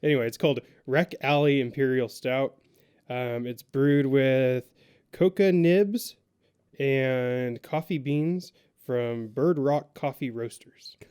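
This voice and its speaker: A man co-hosting a laid-back podcast, talking in a plain, easygoing way. He hesitates often and fills pauses with ums and uhs. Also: medium pitch, fairly even intonation, a little mellow, clear, resonant tone. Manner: hesitant, lots of ums while reading. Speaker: podcast co-host. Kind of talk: casual podcast chat.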